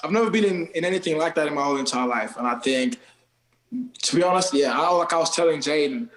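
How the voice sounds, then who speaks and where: A man's voice: a little high, fast, a bit bright, echoey room, low-quality recording. A man from Kenya, a guest on a podcast, talking loosely in slang and calling everyone bro and man. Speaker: podcast guest, TikTok creator. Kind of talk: casual podcast chat.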